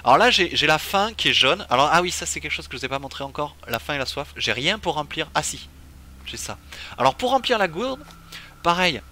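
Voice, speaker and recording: A man's voice: on the high side, sing-song, a little fast, bright, forceful tone. A man streaming a game, commenting casually and thinking aloud with many fillers. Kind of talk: casual let's-play commentary.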